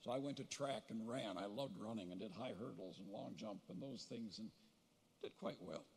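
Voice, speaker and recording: An older man gives a funeral eulogy for his brother at a podium microphone, telling family stories with gentle humor and pauses to recall details. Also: on the low side, vocal fry, a little hiss or hum. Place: large funeral hall. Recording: long reverb of a large hall.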